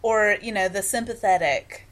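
A woman's voice: mid-range voice, normal speed. A woman co-hosting a podcast in casual banter about sci-fi, with playfully exasperated asides. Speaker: podcast co-host.

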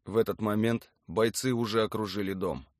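A male audiobook narrator reading a documentary book in an even, matter-of-fact way. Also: fairly low pitch, moderate pace, no room sound, studio quality.

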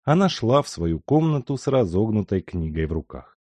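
A man reads a novel aloud with a lively, animated intonation. His voice sits mid-range, recorded dry and close. It is expressive storytelling narration. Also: on the low side, moderate pace, dry recording. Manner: expressive reading. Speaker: audiobook narrator. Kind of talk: scripted narration.

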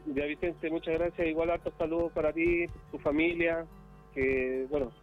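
Chilean male musician guest, slightly high, easygoing, halting; calls in on a tinny, choppy internet line. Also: little pitch movement. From northern Chile. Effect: choppy internet call audio that cuts out. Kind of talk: casual chat over a call. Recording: tinny phone-like call line with faint music.

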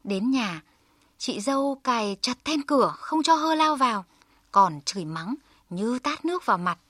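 A woman narrating a folk tale in a calm, measured storytelling manner. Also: fairly high pitch, no echo, clean studio sound.

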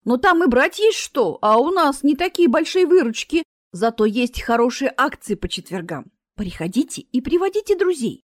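A woman's voice: sits high, big pitch swings, normal speed, no echo, studio quality, pitched above the performer's own voice. A woman voicing an eager, chatty male cafe administrator who talks in polite, salesy patter.

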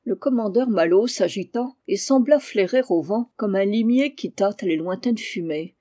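An audiobook reader narrating a classic novel in a measured, even literary reading. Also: mid-range voice.

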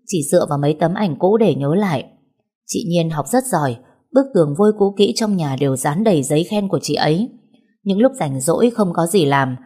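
A woman narrating a first-person novel as an audiobook, in a measured, somber reading. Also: fairly low pitch, warm tone, breathy edge.

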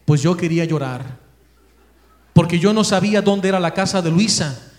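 A man with a Mexican accent giving a religious talk, telling a story in a lively way and acting out the people he quotes. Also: high-pitched, moderate pace, reverberant. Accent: Mexican Spanish.

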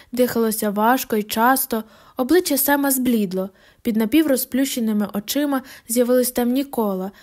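A woman's voice: fairly high pitch, a little mellow. A woman narrating an audiobook in first person, reading the dialogue lines without big character voices. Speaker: audiobook reader.

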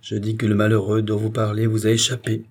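A man voicing a grieving nobleman who speaks softly and gravely, in a mellow, husky voice. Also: lowish voice, completely flat delivery, fairly quick, lightly acted. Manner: soft, subdued. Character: grieving noble count, gentle and sorrowful.

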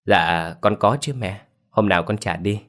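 A man's voice: lowish voice, normal speed, fairly bright tone. A man voicing a cheeky little village girl who answers her mother playfully, in a spoken ghost story. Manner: playful, wheedling.

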